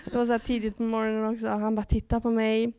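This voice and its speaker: A woman guest on a podcast, telling a personal story in lively detail with quoted dialogue and frequent hesitation fillers. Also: fairly high pitch, a crowd in the background. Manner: animated retelling with quoted dialogue and many fillers.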